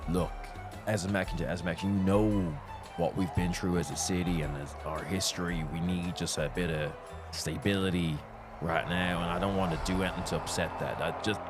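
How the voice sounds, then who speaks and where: A man voicing a guarded, diplomatic band leader who talks in a flat, even regional fantasy accent. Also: deep voice, fairly quick, hardly any pauses, pitched below the performer's own voice, natural voice. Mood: earnest. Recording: music playing behind the voice.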